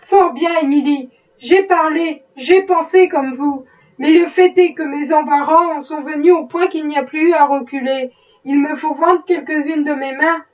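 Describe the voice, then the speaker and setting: A woman's voice: sits high, moderate pace, natural voice. A woman reading the part of an evasive, embarrassed male plantation owner, curt and defensive. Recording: muffled, distant mic.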